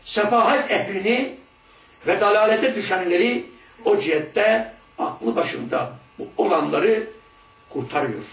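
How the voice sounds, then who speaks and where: A man reading a religious text slowly and with emphasis, then dropping into quiet, chatty asides as he explains it. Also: high-pitched, expressive, creaky. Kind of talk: reading a text aloud and commenting on it. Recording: echoey room, far from the mic, faint ambience.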